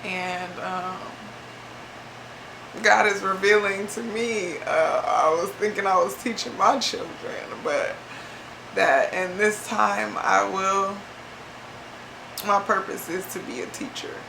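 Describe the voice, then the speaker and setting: A woman from Ohio sharing a reflective faith talk on her vlog, speaking slowly and haltingly with many pauses and fillers, emotional and near tears. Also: medium pitch, steady tone, gravelly, roomy sound, background noise. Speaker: vlogger.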